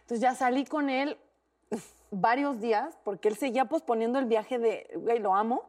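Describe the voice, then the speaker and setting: A young woman with a Mexican accent tells a story on a talk show, lively and full of slang, acting out the lines of others. Her voice sits fairly high and sounds a little away from the mic. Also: moderate pace, far from the mic. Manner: animated, slangy, acts out quotes. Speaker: co-host.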